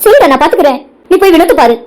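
A woman voicing a worried middle-aged mother in a cartoon, asking anxious questions in a high voice. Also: very animated, rapid-fire, a little mellow. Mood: concerned.

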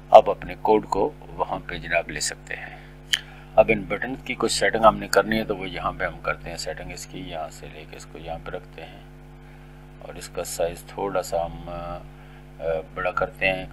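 A middle-aged man explaining a screen-recorded coding tutorial step by step, in a polite, steady way. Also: low voice, slight background noise, low-quality recording. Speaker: tutorial instructor.

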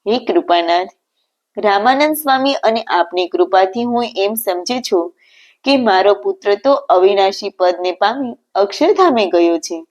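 A woman voicing a grieving elderly mother with steady faith in a narrated devotional story, read in an earnest, pleading way. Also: medium pitch, unhurried. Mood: devout.

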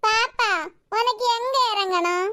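A woman with a Kanyakumari Tamil accent voicing all the quarrelling village women of a cartoon short. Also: bright, forceful tone. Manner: quarrelsome, rapid banter in high cartoon voices. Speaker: cartoon voice artist.

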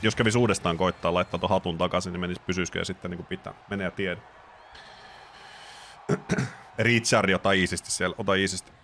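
A man doing playful, jokey play-by-play commentary on a wrestling video game, breaking into loud surprised exclamations. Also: sits low, fairly even intonation, pauses often, slight background noise.

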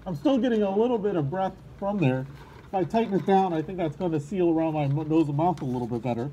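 Man, upbeat, speaking through a full face snorkel mask, a bit high-pitched. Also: animated, fast, warm tone, a little hiss or hum, poor audio. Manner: chatty, upbeat. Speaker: product reviewer. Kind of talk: casual product review vlog.

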